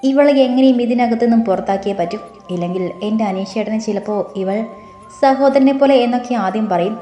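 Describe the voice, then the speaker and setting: A woman's voice: on the high side, brisk, dark tone, natural voice. A woman voicing a jealous young woman who taunts her rival with open hostility. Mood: spiteful. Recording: roomy with faint music.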